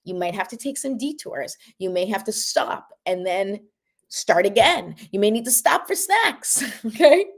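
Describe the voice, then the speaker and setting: Encouraging woman giving a motivational talk. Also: medium pitch. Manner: encouraging, keeps asking "right?". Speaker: motivational host.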